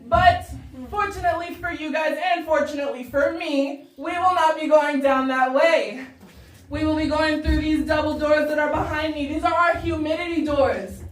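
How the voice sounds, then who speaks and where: A woman's voice: high-pitched, steady tone, normal speed. A woman working as a tour guide, speaking to a group in an underground cave with a strong echo. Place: underground cavern with hard rock walls, cave echo. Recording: echoing cave, distant mic, faint noise.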